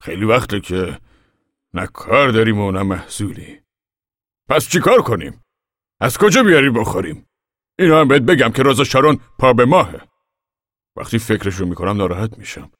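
A man's voice: fairly low pitch, very animated, long pauses, a bit bright, dry recording, studio quality, pitched above the performer's own voice. A man voicing a tired, homesick farmer father who feels defeated, in an audiobook. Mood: weary, resigned. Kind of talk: audiobook character reading.

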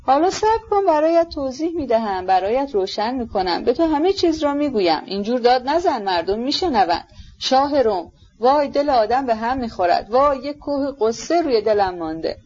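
A woman's voice: sits high, big pitch swings, a little mellow, highs cut off, pitched above the performer's own voice. A woman voicing a disgraced old general who rambles emotionally and pleads. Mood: agitated pleading.

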